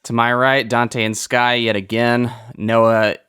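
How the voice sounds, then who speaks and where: A man hosts a casual movie podcast in a relaxed, rambling way. His voice is smooth and resonant, at an ordinary pitch for a man. He chuckles often and drifts between asides. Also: takes it slowly. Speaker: podcast host.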